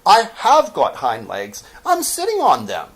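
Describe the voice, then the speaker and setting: A man's voice: sits high, huge pitch swings, measured pace, fairly bright tone, pitched above the performer's own voice, heavily acted. A man voicing a small, proud toy rabbit in a storybook, defensive, plaintive and insistent.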